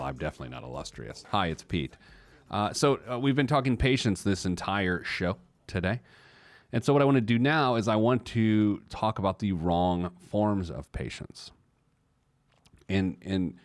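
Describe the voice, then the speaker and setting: This personal finance show host has a low-sitting voice, recorded dry. His casual talk show monologue, with some letter reading mixed in, wanders playfully, pokes fun at himself, and repeats phrases for emphasis.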